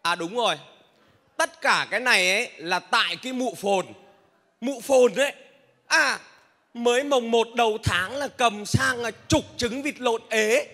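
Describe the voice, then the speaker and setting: A man performing a stage comedy sketch as a motorbike taxi driver, loud, boastful and bantering. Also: very high-pitched, a little slow. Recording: reverberant hall.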